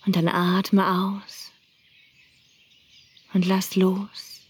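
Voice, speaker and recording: Lady whispering a heart meditation real slow, breathy. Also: mid-range voice. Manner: soft whispering, slow and calm. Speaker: meditation guide.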